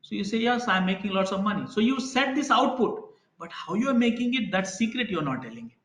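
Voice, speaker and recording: A man's voice: sits high, lively intonation, fairly quick, a bit bright, roomy sound. A man teaching a live programming class, explaining concepts with everyday examples and checking in with students. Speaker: programming instructor. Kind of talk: live online class lecture.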